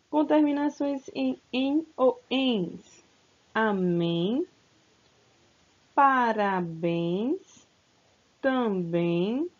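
A woman teaching a recorded grammar lesson to children, stretching out words and coaxing them with questions. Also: a little high. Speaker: school teacher. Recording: slightly dull, lo-fi sound.

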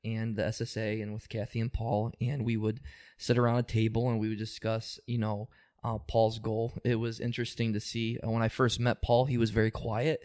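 A man's voice: fairly low pitch, level tone, a little fast, a little mellow. A man who works as an employment supervisor, explaining things steadily in an interview with frequent ums and small restarts. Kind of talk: interview answers.

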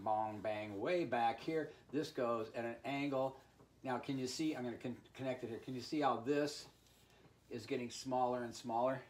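A man in his sixties giving an informal, folksy drawing lesson for kids, playfully dropping in little sound words as he demonstrates. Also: medium pitch. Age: 60s. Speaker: art teacher hosting a drawing tutorial channel for kids. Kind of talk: informal instructional talk while drawing. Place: indoor room with art on the wall.

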